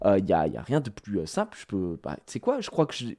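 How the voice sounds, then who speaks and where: Male streamer in his thirties, loose slangy storyteller, lively voice that leaps up and down. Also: fairly low pitch, quick pace. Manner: rambling, many fillers and restarts, slangy. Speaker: streamer recounting a theme park outing. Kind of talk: casual live-stream storytelling.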